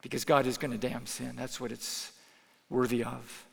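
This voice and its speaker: A man preaching a sermon as pastor, earnest, moving between hushed pleading and raised intensity. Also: medium pitch, level tone, moderate pace, creaky, husky, big-room sound. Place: church sanctuary.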